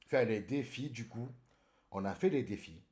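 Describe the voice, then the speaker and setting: A man's voice: mid-range voice, animated, moderate pace, darkish tone. A man streaming live in casual chat, greeting viewers by name and calling them brother.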